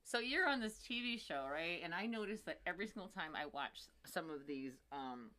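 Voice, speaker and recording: A woman co-hosting a casual panel chat, joking and excitable, often bursting into laughter. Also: fairly low pitch, moderate pace. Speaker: podcast co-host.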